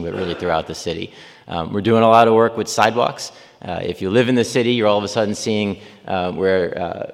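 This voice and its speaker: A man in his forties from Long Island, a city mayor talking informally to a church congregation, rambling with frequent ums and restarts. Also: sits low. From Long Island, New York. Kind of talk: informal speech and Q&A. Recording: reverberant church hall.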